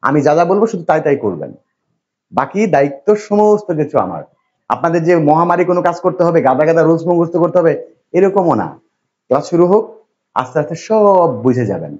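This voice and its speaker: A man's voice: a little high, big pitch swings, a little fast, a little mellow, highs cut off. A man teaching English to a class, from Bangladesh, who keeps putting questions to the students and reassuring them. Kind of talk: classroom lecture.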